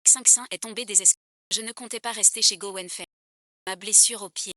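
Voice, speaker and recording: A woman dubbing a composed young wife who has left her marriage, in a clear, even voice. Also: medium pitch, fairly quick, dry recording, clean studio sound, natural voice. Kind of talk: dubbed drama dialogue.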